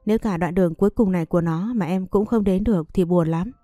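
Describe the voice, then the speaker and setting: A woman reading as a gentle sick young girl. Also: lowish voice, fast talker, no room sound, clean studio sound, soft background music, lightly acted. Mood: wistful.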